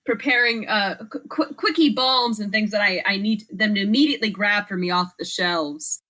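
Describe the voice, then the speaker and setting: A woman playing a character in a tabletop role-play game, speaking slowly and playfully. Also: medium pitch, bright, forceful tone. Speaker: guest player.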